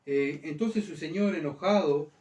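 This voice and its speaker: A man's voice: on the high side, measured pace, a little mellow. A male pastor preaching a sermon, asking the church rhetorical questions and repeating his key phrases. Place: church hall. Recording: roomy church sound, mic far off.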